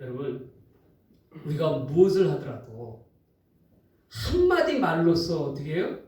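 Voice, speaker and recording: Pastor, male, emphatic sermon storyteller, high voice, heard from a distance. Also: huge pitch swings, a little slow, mellow. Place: church sanctuary. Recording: echoey hall, distant mic.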